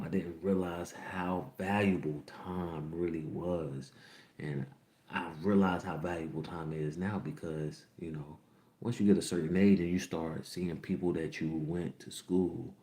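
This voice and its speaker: In a reverberant space, a podcast host in his twenties rambles through an open personal anecdote for the viewers on his livestream, circling back to repeat lines. His voice sits low and comes across as slightly mellow.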